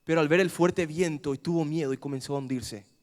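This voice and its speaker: Argentine guy preaching at a camp, kinda high voice, goes from shouting to almost whispering, long hall echo. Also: quick pace. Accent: Argentine Spanish. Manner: swings from loud dramatic outbursts to hushed quiet pleading. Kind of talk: sermon.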